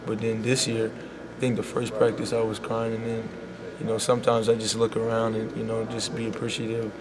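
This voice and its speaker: A young man, a college basketball player speaking softly and sincerely in a media scrum, leaning on "you know.". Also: on the low side, completely flat delivery, brisk, crowd noise. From Bahamas. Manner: soft-spoken and heartfelt, full of "you know". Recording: loud background noise.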